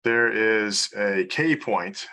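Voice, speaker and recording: A man lecturing on mathematics in a loose seminar style over a video call. His voice sits fairly low but sounds bright and forceful. He hesitates, restarts and pads his sentences with fillers as he works through the ideas. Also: expressive, extremely slow. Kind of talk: informal research seminar talk.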